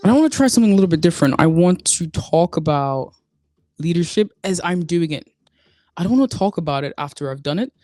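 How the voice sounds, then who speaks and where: A woman hosting a solo talk podcast, speaking deliberately and repeating phrases for emphasis. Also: on the low side, expressive, mellow, no room sound. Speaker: podcast host.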